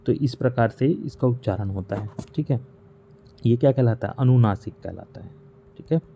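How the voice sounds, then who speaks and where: A man's voice: mid-range voice, normal speed, dark tone. A man teaching a grammar lesson, patiently repeating each point and asking rhetorical questions. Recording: slightly dull recording with faint hiss.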